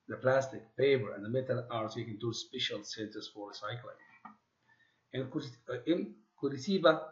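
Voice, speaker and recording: A man teaching an English class, reading the text aloud and modeling question intonation for his students. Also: mid-range voice. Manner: switches between English and quick Arabic explanations, models intonation. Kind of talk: classroom lesson. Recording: roomy, dull lo-fi classroom audio.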